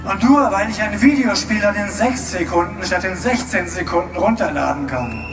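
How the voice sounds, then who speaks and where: A man interpreting a speech live at an outdoor rally, loud and halting, sometimes shouting. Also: high voice. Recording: distant, echoey PA with loud crowd and music.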